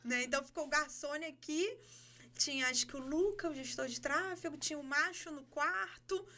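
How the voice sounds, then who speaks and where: A Brazilian woman telling a story in casual podcast chat, animated and laughing as she acts out dialogue. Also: sits high, moderate pace. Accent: Brazilian Portuguese. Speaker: guest.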